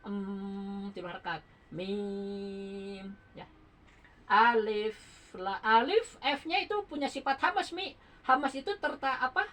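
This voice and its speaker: A woman teaching Quran recitation rules in a relaxed home lesson, patiently spelling out letters and counting beats aloud. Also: medium pitch, a little slow, rough recording.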